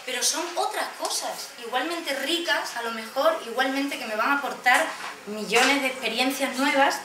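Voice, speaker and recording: Woman, conference speaker, high voice, lively storyteller, far the mic with hall echo and room noise. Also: normal speed. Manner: animated, acts out quoted voices, laughs often. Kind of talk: lively personal storytelling talk. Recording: echoey hall, distant mic, background noise.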